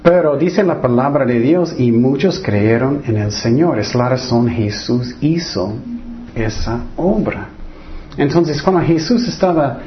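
On a muffled recording, a man with an expressive mid-range voice delivers a sermon a little slowly, reading scripture and restarting his sentences. He asks rhetorical questions and voices the people in the stories he tells.

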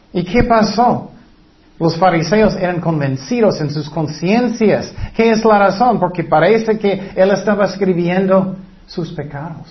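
A man preaching a sermon, retelling a scripture story and asking his listeners many rhetorical questions. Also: a little high. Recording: dull lo-fi recording.

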